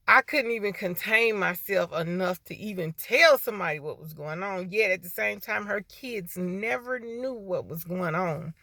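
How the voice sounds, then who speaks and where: A woman's voice: medium pitch, gravelly, bright, forceful tone, no echo, clean studio sound. A woman in her fifties giving an emotional, heartfelt testimony of thanks, stressing her points with repeated phrases. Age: 50s. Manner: emotional, repeats "when I tell you" for emphasis. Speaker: grateful customer giving a testimonial.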